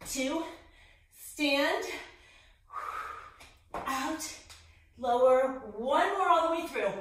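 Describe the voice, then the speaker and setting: A woman's voice: high voice, fairly bright tone, heavy reverb, recorded from a distance, a little hiss or hum. A woman fitness instructor cueing moves and counting reps while she works out, out of breath. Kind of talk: workout instruction.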